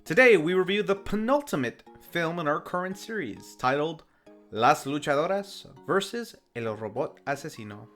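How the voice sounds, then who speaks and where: This film review host has a slightly high, somewhat bright voice with big pitch swings and a moderate pace. He delivers a scripted recap in a playful, tongue-in-cheek way, with theatrical asides, while faint music plays in the background.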